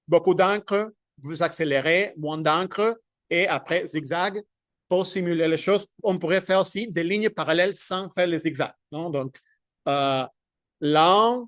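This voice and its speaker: A man leads a marker drawing lesson at a very unhurried pace, stopping and restarting as he works, with a slightly raised pitch. His voice is close and dry, with no room sound around it. He keeps checking in with "ok?" as he demonstrates. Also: no echo. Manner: halting, thinks aloud while demonstrating; checks in with "ok?" often. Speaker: drawing instructor. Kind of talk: hands-on drawing tutorial.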